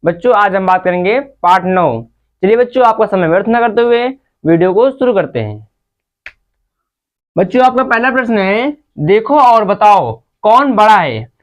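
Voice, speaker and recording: Woman teacher, voice-over maths lesson for children: patient, methodical, mid-pitched. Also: expressive, normal speed. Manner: patient, repeatedly addresses the children.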